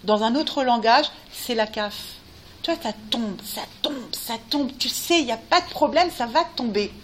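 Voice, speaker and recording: Woman teacher, high-pitched, lively preaching, addresses listeners directly. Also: normal speed, slight background noise. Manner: animated, talks to listeners directly, rising to cries. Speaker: Torah teacher. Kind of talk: spirited religious talk.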